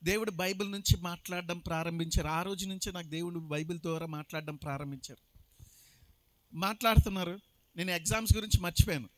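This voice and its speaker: A man's voice: high-pitched, fast, fairly bright tone. A man preaching his testimony as a pastor, emphatic and slipping English phrases into his talk. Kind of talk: sermon testimony.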